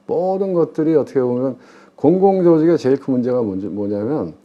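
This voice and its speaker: A middle-aged man with a mid-range voice speaks as an expert guest in a conversational interview about public finance, animated and fairly quick. He is a former pension fund chief investment officer who talks emphatically, often posing questions and then answering them himself. The sound is slightly muffled.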